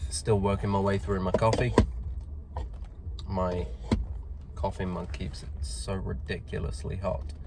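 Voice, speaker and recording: A man's voice: low voice, flat delivery, a little slow, vocal fry, pauses often. A man vlogging casually, musing and explaining things in a conversational way. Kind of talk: casual chat to camera. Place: inside a car out running errands. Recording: noisy car, road and engine noise.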